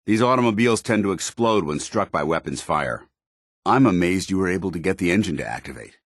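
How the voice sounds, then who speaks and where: An actor playing a stern, dutiful military paladin in a post-apocalyptic video game, speaking formally with clipped authority. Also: male voice, deep voice, expressive, a little fast, dry recording, clean studio sound. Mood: vigilant, matter-of-fact. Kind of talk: video game companion dialogue.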